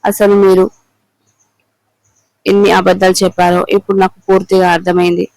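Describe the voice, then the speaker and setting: A woman's voice: mid-range voice, little pitch movement, normal speed, gravelly, a little mellow, no room sound, natural voice, poor audio. Man reading as a bitter, accusing wife. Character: angry betrayed middle-aged wife.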